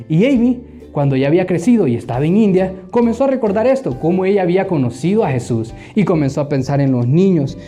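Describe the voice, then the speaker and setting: Animated man telling a children's Bible story. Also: a little high. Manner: animated, asking the children questions often. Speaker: children's Bible school teacher.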